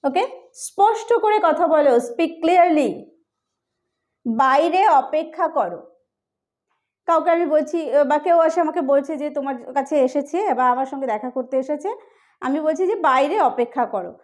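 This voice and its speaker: A woman with a Bengali accent teaching beginner spoken English, slowly repeating each short phrase for learners to practise. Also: high voice, a little mellow. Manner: slow, carefully drilled repetition of phrases.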